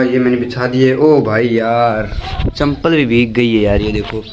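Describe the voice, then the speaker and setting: A man's voice: medium pitch, a little hiss or hum, poor audio. A man casually chatting through a vlog, moving between his home and the lane outside during rain and constantly pointing things out to his viewers. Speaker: vlogger.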